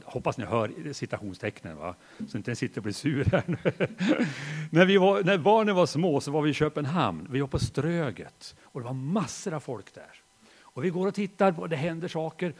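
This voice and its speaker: Husky-voiced middle-aged pastor, animated and pitch-lively in a sermon. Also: male voice. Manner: dynamic, swings from hushed to loud storytelling. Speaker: preacher. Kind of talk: sermon with personal story.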